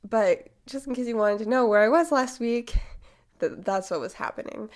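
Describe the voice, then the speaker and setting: Speaking at a moderate pace in a slightly high voice, the eighteen-year-old podcast host chats through a casual monologue. She's congested from a cold and uses lots of fillers.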